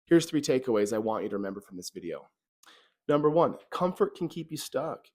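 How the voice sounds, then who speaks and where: A man's voice: medium pitch, sing-song, brisk, darkish tone. A man hosting a self-help video as a therapist, telling a story in an earnest, conversational way with occasional stammers.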